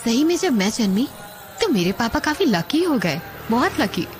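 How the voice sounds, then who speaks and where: A woman's voice: a little high, very animated, moderate pace. An actress dubbing a playful, coaxing young woman. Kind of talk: Hindi film dub. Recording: film dub over loud music.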